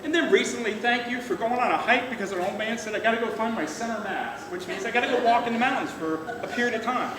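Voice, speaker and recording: A middle-aged man gives an informal father of the bride speech, plain-spoken, salty and emotional, with halting delivery. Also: extremely high pitch. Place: large reverberant reception room indoors. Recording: echoey hall, distant mic, noisy room.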